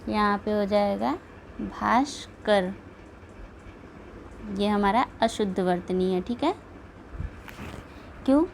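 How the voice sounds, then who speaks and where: Woman, coaching teacher, spelling lesson, gravelly voice, steady check-ins, faint background noise. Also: medium pitch, poor audio. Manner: steady, checks in with repeated "ठीक है".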